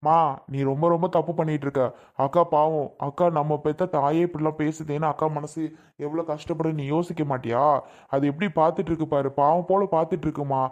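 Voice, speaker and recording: A man's voice: a little high, steady tone, brisk, darkish tone, highs cut off, lightly acted. A man playing a remorseful young man who pleads with his family and begs forgiveness, in a family drama skit. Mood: reproachful. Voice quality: earnest, pleading.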